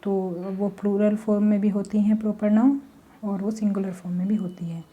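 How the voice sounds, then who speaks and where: A woman teaching a grammar lesson, slowly explaining step by step with examples. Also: mid-range voice, level tone, narrow, tinny audio.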